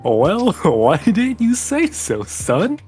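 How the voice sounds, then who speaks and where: A man voicing a gruff talking dog in a read-aloud story, drawling slowly with chuckles. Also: mid-range voice, very animated, soft background music.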